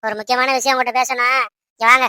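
A high, bright cartoon mother who is always scolding. She rattles along at speed, nagging and bossing her family about, as a woman acts her out. The sound is dry and close. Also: little pitch movement, quick pace, clear, resonant tone, no echo. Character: bossy scolding mother of grown children. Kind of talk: Tamil cartoon voice acting.

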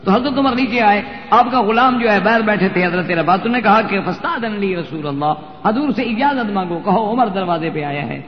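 A male preacher giving a sermon, chanting Arabic verses slowly and retelling stories with animation. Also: sits high, expressive. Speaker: religious preacher. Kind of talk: Urdu sermon with Quranic recitation. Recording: dull, echoey hall recording.

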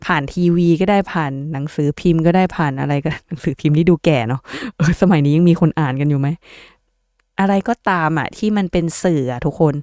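Young woman, tarot host, playful and chatty; lowish smooth voice, dry close recording. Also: darkish tone, no echo. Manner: chatty, playful, laughs often and puts on silly voices. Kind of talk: casual tarot reading for viewers.

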